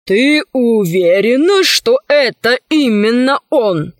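This is a gentle storybook professor and father, as a woman narrator puts him on, speaking slowly and evenly. The voice drops a little below her own, unhurried and dry. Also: expressive, no echo. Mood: calm. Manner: slow, measured, gently lowered voice. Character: calm, kindly male professor father.

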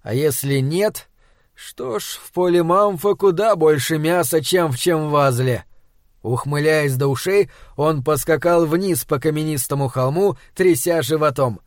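A man reading a fantasy audiobook in a measured storytelling manner. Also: on the high side, no room sound, clean studio sound. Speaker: audiobook narrator. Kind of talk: scripted narration.

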